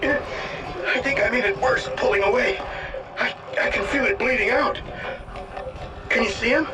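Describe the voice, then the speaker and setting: A wounded, despairing man in a horror game, voice very high with pain and distress. It sounds echoey and a little away from the mic. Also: a little slow, over music. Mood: panicked pain. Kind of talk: video game voice acting. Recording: roomy echo, distant from the mic.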